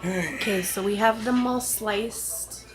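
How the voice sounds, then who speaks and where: A woman's voice: mid-range voice, slow pace, loud music behind the voice. A woman casually hosting a cooking demonstration, loosely explaining each step as she goes. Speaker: cooking video host. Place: kitchen, indoors. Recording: clear kitchen noise, sizzling and pans.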